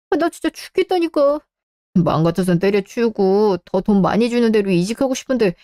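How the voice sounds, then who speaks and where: A woman's voice: a little high, dark tone, no room sound, studio quality, close to an everyday voice. A woman voicing a stressed, defensive adult son in a Korean radio drama. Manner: whiny, defensive. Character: grumbling adult son, a stressed civil servant.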